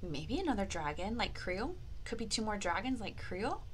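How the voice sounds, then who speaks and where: Here a children's teacher hosts a read-aloud language activity in a sing-song, mid-range voice, moving a little fast. She plays things up and cheers the kids on, posing questions and stretching out key words, with a faint hiss or hum underneath.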